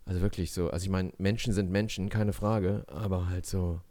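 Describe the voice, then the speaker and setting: A man's voice: sits low, fairly even intonation, brisk, warm tone, no echo. A man co-hosting a comedy podcast, chatting casually in a rambling way and laughing often. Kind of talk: casual chat.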